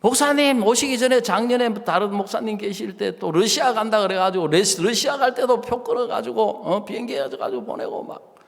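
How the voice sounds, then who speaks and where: Man, pastor, lively pitch swings, long church reverb. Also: brisk, gravelly. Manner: animated storytelling, acting out both sides of a dialogue. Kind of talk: sermon with acted-out anecdote. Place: church sanctuary.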